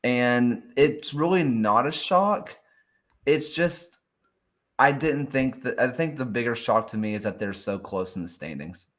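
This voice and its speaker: A man's voice: medium pitch, lively intonation, unhurried, a bit bright. A man co-hosting a soccer show in casual chat, hesitant, often trailing off and restarting his thoughts.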